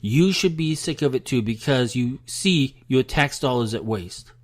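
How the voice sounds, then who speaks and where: A man's voice: medium pitch, expressive, unhurried. An American man hosting a solo political commentary, ranting in an emphatic, frustrated way and sounding out of breath. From United States.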